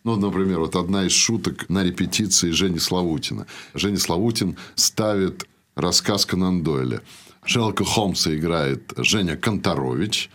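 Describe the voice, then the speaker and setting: An older man, a teacher, recounting anecdotes in an interview with a trained stage voice and lively delivery. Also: sits low, normal speed. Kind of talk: conversational storytelling.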